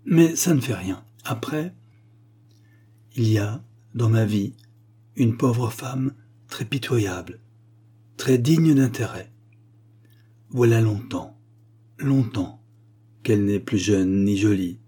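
A man reading aloud, voicing a weary, remorseful dying father who dictates in a halting, pleading way. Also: fairly low pitch, mellow, slightly rough.

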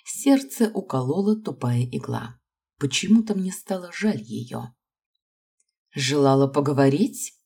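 A woman narrating a novel in the first person, measured and dramatic. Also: fairly low pitch, big pitch swings, gravelly, mellow, husky. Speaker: audiobook narrator.

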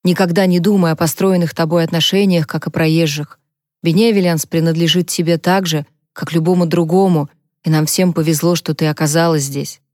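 A gentle older mother, read by a female narrator, speaks in a soothing, caring tone. Her voice sits low for a woman, and it is recorded dry and close. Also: fairly even intonation, fairly quick, no echo, close to an everyday voice.

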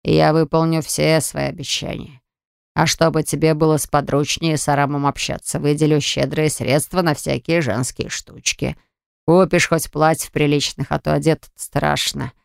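A narrator voicing a domineering, scheming older father who talks in a slow, insinuating and threatening way. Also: medium pitch, flat delivery, creaky, clean tone, no echo, studio quality, natural voice. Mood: wheedling. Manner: insinuating, then threatening and contemptuous. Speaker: storybook character.

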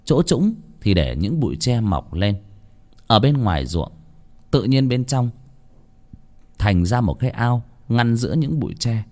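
A man narrating a ghost story in a dramatic, expressive way. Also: medium pitch, unhurried, long pauses.

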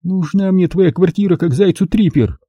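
A man's voice: high-pitched, normal speed, warm tone, husky, no echo, studio quality, voice pushed up. A man voicing a curt, cutting woman teacher, the heroine of the story. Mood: angry, scornful. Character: sharp-tongued woman teacher, the brother's sister.

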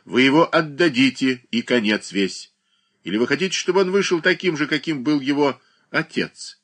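A man reading an audiobook, voicing a stern older gentleman who gives firm orders. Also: medium pitch, moderate pace, pitched above the performer's own voice, natural voice. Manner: firm, imperious.

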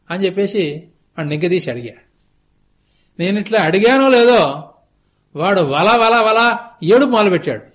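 Brief Male spiritual teacher, high voice, slow, repetitive storyteller. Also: fairly bright tone. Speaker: spiritual discourse speaker. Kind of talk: storytelling religious discourse. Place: television studio.

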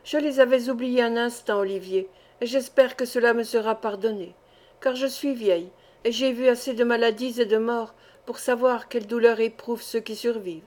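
Elderly aunt, tender and solemn, read by a woman; slightly high, storybook reading. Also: fairly even intonation, normal speed, a little mellow, natural voice. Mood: grave.

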